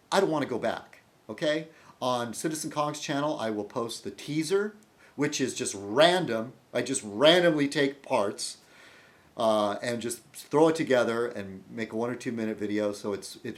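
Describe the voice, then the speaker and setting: Guy rambling on his weekly vlog, talks to commenters, voice jumps around a lot. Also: medium pitch. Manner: rambling, self-interrupting, addresses commenters. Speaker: video blogger host. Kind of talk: casual vlog monologue.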